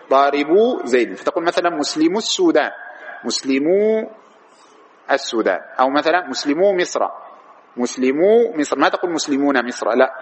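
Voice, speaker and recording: A man teaching a grammar class, reading from the text and explaining it, who asks the students questions and answers them himself. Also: a little high. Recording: dull lo-fi lecture recording with faint noise.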